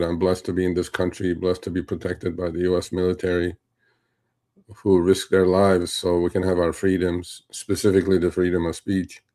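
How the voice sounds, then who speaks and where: A middle-aged man from Turkey hosts a casual livestream, musing aloud in a rambling, conversational way. His voice sits low and dark, with a mellow tone and little rise or fall. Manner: rambling, conversational, many fillers and asides. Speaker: host.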